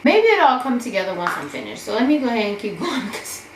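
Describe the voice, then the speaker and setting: A woman's voice: a little high, very animated, quick pace. Young woman chatting while doing makeup, rambly, lots of fillers, echoey room with noise behind. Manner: chatty, self-deprecating, rambling with many fillers. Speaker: beauty vlogger. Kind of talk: casual get-ready-with-me chat.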